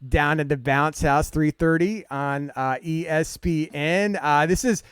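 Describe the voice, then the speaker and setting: A man hosting a casual college football preview interview, relaxed and halting with fillers. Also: a little high, smooth, dry recording, studio quality. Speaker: podcast host.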